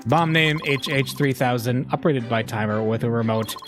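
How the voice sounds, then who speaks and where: A man voicing a curt male bomb squad specialist in a game playthrough, speaking in a flat, robotic, synthesized-sounding monotone with clipped, terse phrases. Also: medium pitch, normal speed. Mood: robotic deadpan. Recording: game music playing behind.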